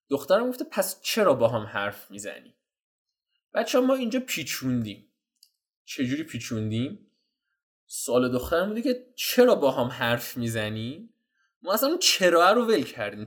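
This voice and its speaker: A man giving casual, slangy dating advice while walking viewers through chat screenshots. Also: on the high side. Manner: slangy, animated, addresses viewers as "guys". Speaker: dating coach.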